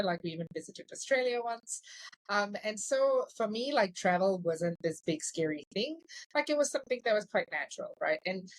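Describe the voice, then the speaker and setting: A young Singaporean woman appears as a podcast guest in a casual interview chat, peppering her speech with "like" and "you know." Her pitch is fairly low. There's no echo, though the audio quality is poor.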